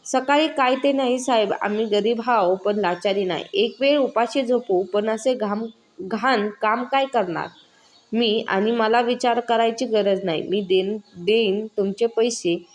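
A woman's voice: fairly high pitch, a little slow, a little hiss or hum, lightly acted. A woman voicing a poor, hardworking village wife in a spoken story, pleading and defiant.

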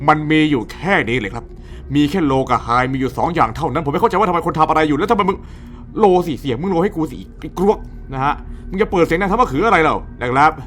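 A young gaming YouTuber, his voice on the high side and fairly bright, talks animatedly and quickly through a horror let's play. He comments casually, swears a lot, and shrieks and laughs at the scares.

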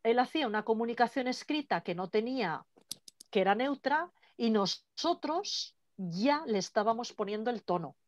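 A woman leading an online workshop in a lively, conversational way. She acts out quoted dialogue as she talks. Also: fairly high pitch, moderate pace, dry recording, lo-fi sound. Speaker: workshop trainer. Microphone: video call.

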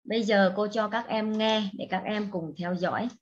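A woman teaching an English lesson to young children, speaking slowly and patiently and repeating each word for the class to echo. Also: medium pitch, muffled recording. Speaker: primary school English teacher.

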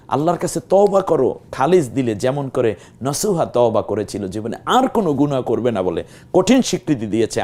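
A man's voice: medium pitch, mellow. A middle-aged man teaching Quran reading in a recorded lesson. He drags out sample words to show their length, then asks and answers his own questions. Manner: drawn-out demonstrations of recitation.

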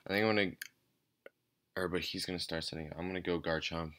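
A man giving casual, off-the-cuff game commentary in a quiet, low-energy, hesitant and rambling way. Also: steady tone, fast. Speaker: gaming channel host. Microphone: speaking away from the mic at times.

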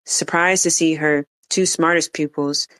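Audiobook narrator; flat, smooth, measured delivery. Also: mid-range voice. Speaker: audiobook reader. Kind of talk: reading an autobiography aloud.

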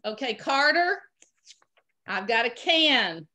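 A woman's voice: fairly high pitch, very animated, slow, pushed and bright. A woman teaching an online pre-K class, giving patient, encouraging prompts over a video call.

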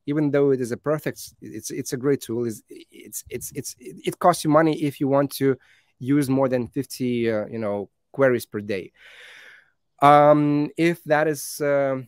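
Speaking over slides at a conference, a Lithuanian man in his thirties halts often, filling gaps with fillers and restarting sentences. His voice is mid-range, and the recording is dry and studio-clean.

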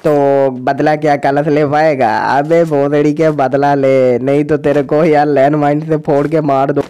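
A man, a gaming YouTuber, giving excited, crude-slang commentary as he cheers on his teammates during a match. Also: fairly high pitch, measured pace, smooth. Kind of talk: excited live gameplay commentary.

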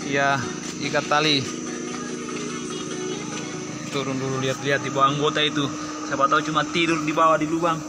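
In a cramped underground tunnel, a miner with an Eastern Indonesian accent talks casually while filming on a handheld phone. His delivery is completely flat and quick, and loud rumbling noise runs through the recording.

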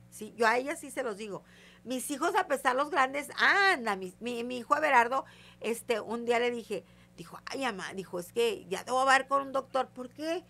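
An older woman tells personal stories in a casual interview. She acts out the dialogue in her stories, and her voice sits fairly high. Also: pushed and bright. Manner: tells stories vividly, acting out quoted dialogue. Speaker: guest psychic.

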